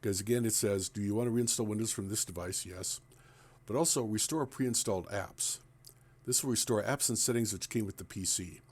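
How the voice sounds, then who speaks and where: A man's voice: lowish voice, a little fast, a little mellow, slightly rough. A man walking through a computer task step by step in a plain, explanatory screen-recording tutorial. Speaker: tech tutorial presenter.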